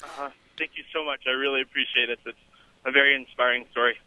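A man's voice: medium pitch, steady tone, fast talker, sharp tone, no echo. A young man calling in to a radio talk show over a clipped phone line, asking a question in a hesitant, earnest and polite way. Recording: tinny telephone call-in line.

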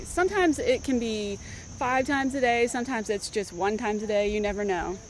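A woman's voice: a little high, normal speed, slight background noise, low-quality recording. A woman, a zoo keeper, explaining things informally in an interview outdoors. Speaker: zoo biologist and animal keeper.

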